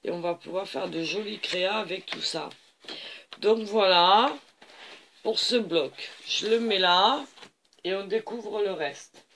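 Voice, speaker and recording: A man with a rather high voice unboxes craft paper on camera, taking his time with every page. He gushes over what he sees, repeating small compliments between fillers. A faint hiss sits under his voice. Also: sharp tone. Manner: gushing, repeats little compliments, unhurried with fillers. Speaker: craft channel host.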